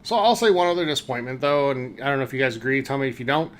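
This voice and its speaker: A man's voice: mid-range voice, rapid-fire. A man hosting a casual podcast chat, upbeat, leading the talk and putting questions to his co-hosts. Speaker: podcast host.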